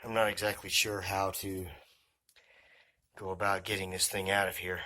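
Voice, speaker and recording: A man's voice: low-pitched, level tone, moderate pace, bright, forceful tone. A man with his mouth and nose covered, sounding muffled as he gives casual, careful unboxing commentary, thinking aloud. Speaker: tarantula keeper presenting an unboxing.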